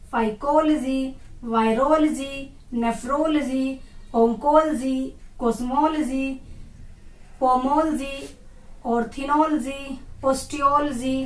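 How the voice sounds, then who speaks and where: Teacher woman drilling terms, echoey room. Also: sits high. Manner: drills terms slowly with repeated questions. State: dry throat. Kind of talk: exam-prep lesson. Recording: echoey room, far from mic.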